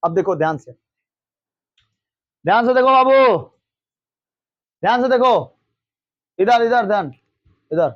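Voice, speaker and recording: High-voiced man drilling a class. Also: animated, slow, pauses often, no echo, dull audio. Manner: repetitive, drilling questions, mimics regional speech. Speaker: teacher. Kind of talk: classroom lecture with call-and-response.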